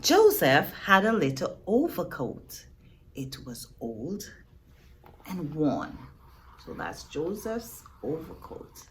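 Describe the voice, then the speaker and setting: A woman reads a picture book aloud to young children, expressive and teacherly, pausing for emphasis and asking her listeners questions. Her voice sits low, and there's a little hiss or hum.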